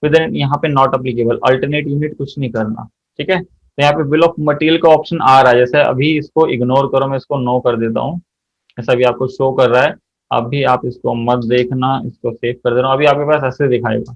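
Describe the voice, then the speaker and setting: A man teaching an accounting software class, walking through each step and quizzing his students as he goes. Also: medium pitch, fairly even intonation, moderate pace, lo-fi sound. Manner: explains step by step, often checks students' answers. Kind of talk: software tutorial lesson.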